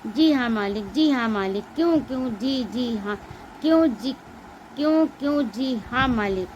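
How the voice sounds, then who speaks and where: A woman's voice: a little high, unhurried, muffled recording, slight background noise, lightly acted. A woman reading aloud as a stingy, scolding male employer in a one-act play. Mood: stern. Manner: stern, accusing, shouting in anger.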